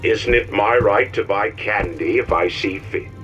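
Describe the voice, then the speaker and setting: A man voicing a theatrical, deliberate cartoon lion who tells children a propaganda story. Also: mid-range voice, lively intonation, warm tone, muffled recording, faint music behind, close to an everyday voice. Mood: preachy.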